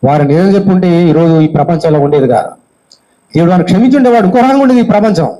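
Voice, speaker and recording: A man's voice: high-pitched, animated, quick pace, warm tone, rough recording. A male pastor giving a sermon, often asking the congregation questions and acting out the voices of Bible figures. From India.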